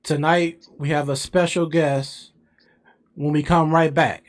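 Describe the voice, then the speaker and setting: Podcast host guy, talks real slow, kinda high voice. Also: fairly even intonation. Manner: unhurried, brief questions and affirmations. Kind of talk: casual podcast interview.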